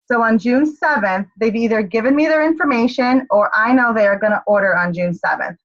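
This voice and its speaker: In a brisk, fairly high voice, a woman rallies her team on a group call with upbeat, motivational energy, often checking in with "okay?" The audio has its highs cut off.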